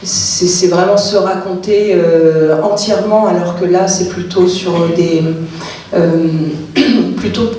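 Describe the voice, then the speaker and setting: A woman's voice: fairly low pitch, fairly even intonation, slow, warm tone. A woman author speaking at a public literary talk, hesitant, with many fillers and restarts. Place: cultural centre hall. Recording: echoey hall from far off.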